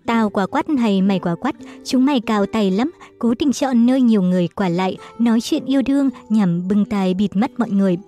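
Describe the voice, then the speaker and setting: A woman voicing a furious, jealous young husband who shouts insults and accusations at his wife. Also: mid-range voice, a little fast, hardly any pauses, soft background music, lightly acted.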